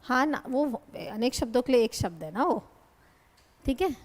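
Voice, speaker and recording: High-voiced woman teaching Hindi grammar. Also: lively intonation, moderate pace. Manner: patient, addresses students as "beta", explains by asking questions. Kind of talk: classroom lecture. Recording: long hall reverb.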